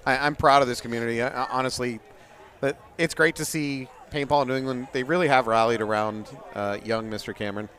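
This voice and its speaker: A man's voice: mid-range voice, fairly even intonation, a little fast, fairly bright tone. A man co-hosting live paintball commentary in a chatty, joking way. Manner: joking, chatty, laughs often.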